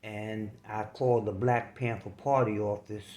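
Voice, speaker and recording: An older man from New York reading aloud from his own memoir, unhurried and plainspoken, with casual asides. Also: lowish voice, little pitch movement, darkish tone. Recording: roomy room with faint background noise.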